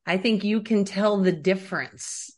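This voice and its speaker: A woman's voice: mid-range voice, measured pace. A woman in her thirties co-hosting a podcast, chatting casually with lots of fillers and laughter. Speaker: podcast co-host. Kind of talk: casual chat.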